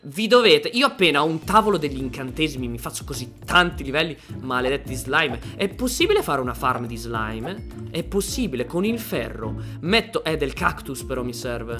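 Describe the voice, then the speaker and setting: A young man casually commentating his own game run, animated and chatty, talking to viewers and to the game's characters. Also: on the high side, brisk, soft background music. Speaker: gaming video host. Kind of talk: casual let's play commentary.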